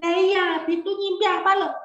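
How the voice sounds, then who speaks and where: A woman voicing an excitable young boy who squeals and fires off rapid questions, in a storybook telling. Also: very high-pitched, voice pushed up. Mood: excited. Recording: roomy, slightly dull classroom recording.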